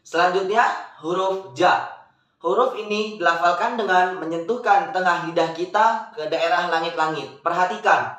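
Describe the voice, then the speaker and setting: A man's voice: high voice, moderate pace, fairly bright tone, reverberant, poor audio. A man teaching the pronunciation of Arabic letters step by step, patiently drilling syllables and lifting them into sung tones. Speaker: Quran recitation teacher.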